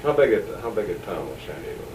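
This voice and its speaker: A man with a low voice conducts an oral history interview in a private home. He asks halting questions, clears his throat and repeats words. He is heard on old worn tape with steady hiss, from a mic set back in a roomy space. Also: recorded from a distance.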